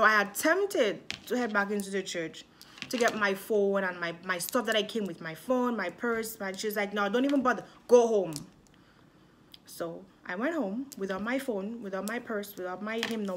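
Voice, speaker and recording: A woman's voice: medium pitch, moderate pace, slight background noise. Chatty young Dominican woman storyteller. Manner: animated, chatty storytelling to viewers. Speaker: vlogger. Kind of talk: storytime vlog.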